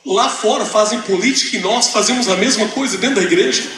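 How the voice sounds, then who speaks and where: A man interpreting a sermon for a visiting preacher, preaching with passion and moving between shouted emphasis and hushed asides. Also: high voice, quick pace, slight background noise. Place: large auditorium. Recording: echoey hall, voice from a distance.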